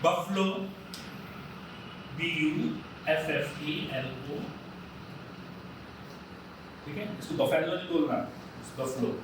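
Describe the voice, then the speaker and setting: A man teacher with a dictates notes at a very slow pace, spelling terms letter by letter and mixing with Hindi. His voice sits slightly high. A faint room hum runs underneath. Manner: mixes English with Hindi, says "theek hai" often. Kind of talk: classroom dictation and explanation. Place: classroom.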